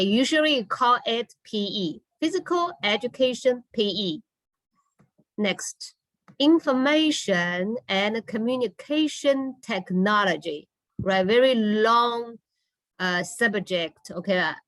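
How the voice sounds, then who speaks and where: A woman English teacher giving a classroom lesson, speaking deliberately, repeating words and often checking in with a short okay or all right. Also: fairly high pitch, fairly bright tone, no room sound. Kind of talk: slow classroom lesson with read-and-repeat drilling.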